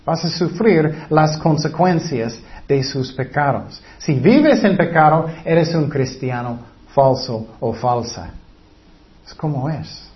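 High-pitched guy preaching real slow, lots of questions to the crowd, muffled lo-fi audio. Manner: asks the listeners many rhetorical questions; retells scripture in a storytelling way. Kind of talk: sermon. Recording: dull lo-fi recording.

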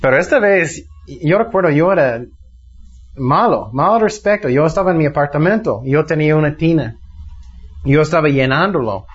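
Preacher man, fairly high voice, lo-fi. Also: expressive, normal speed, breathy edge. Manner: teaching in plain words, asks the congregation questions. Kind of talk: conversational sermon. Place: church service. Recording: dull lo-fi sound.

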